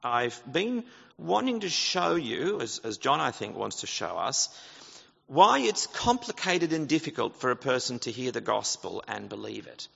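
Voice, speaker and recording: A man's voice: mid-range voice, very animated, a little slow, vocal fry, a bit bright, husky. A man preaching a sermon as pastor, earnest and explanatory, asking his congregation rhetorical questions. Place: church. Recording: church hall reverb, dull lo-fi sound.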